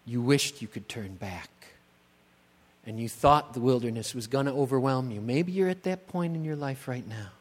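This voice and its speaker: A middle-aged man, a pastor, preaching a sermon in a church, slow and emphatic, building on repeated rhetorical questions. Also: mid-range voice. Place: church sanctuary. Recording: long church-hall reverb.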